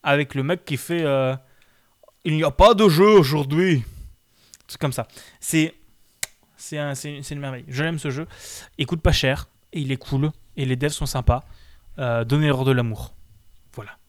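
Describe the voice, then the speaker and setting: A man's voice: mid-range voice, steady tone, normal speed, smooth, dry recording. A man co-hosting a casual video game chat, enthusiastic and rambling with fillers. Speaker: game show co-host.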